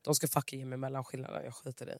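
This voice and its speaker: A woman's voice: extremely low pitch, dry recording, studio quality. A woman co-hosting a podcast, telling a story with lots of swearing and acting out both sides of a conversation. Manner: animated storytelling, acts out dialogue, swears freely. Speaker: podcast co-host. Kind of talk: casual chat.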